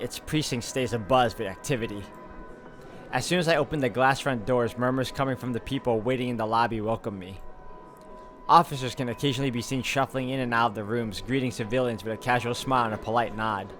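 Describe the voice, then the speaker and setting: Game music sits behind a man with a medium-pitched, fairly bright voice who speaks fast. He's hosting a video game walkthrough, narrating a visual novel's text aloud and chatting about it casually.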